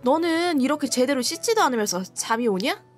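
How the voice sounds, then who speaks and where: A woman's voice: sits high, lively intonation, a little fast, soft background music. A woman reading a scornful, nagging young husband. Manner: scolding, contemptuous.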